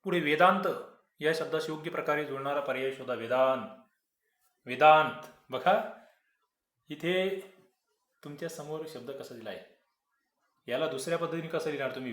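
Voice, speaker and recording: A man's voice: medium pitch, fairly bright tone, roomy sound. A man, teaching grammar and explaining quiz answers, asking the class rhetorical questions. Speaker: exam-prep grammar teacher.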